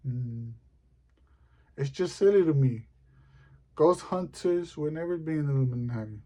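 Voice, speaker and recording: A man performing a rambling, deadpan stand-up comedy monologue. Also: fairly high pitch, unhurried.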